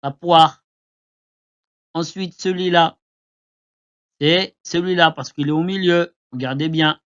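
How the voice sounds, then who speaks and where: A man teaching Arabic letters to beginners, repeating each word slowly for learners to copy. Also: a little high, fairly even intonation, clear, resonant tone. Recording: dull lo-fi recording.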